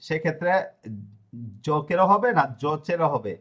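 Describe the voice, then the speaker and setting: A man with a somewhat high voice teaches a grammar lesson. He explains patiently, spelling out endings slowly and pausing often to ask whether the students follow. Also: animated, a bit bright, muffled recording. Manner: explanatory, checks understanding with frequent questions. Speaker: language teacher.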